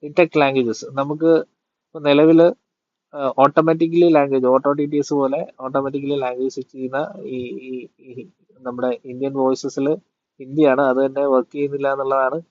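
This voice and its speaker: A man talks through a phone tutorial in a casual, hesitant way, often stopping on fillers. His voice sits at a middle pitch and sounds dry and close. The audio is a little dull. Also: level tone, a little fast, darkish tone, dry recording. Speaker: tech tutor.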